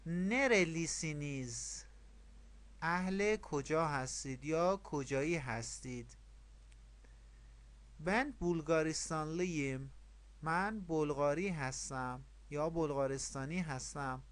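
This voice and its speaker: A man's voice: fairly high pitch, hardly any pauses, smooth. A man teaching a language lesson online, explaining rules step by step, repeating them and asking questions. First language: Persian.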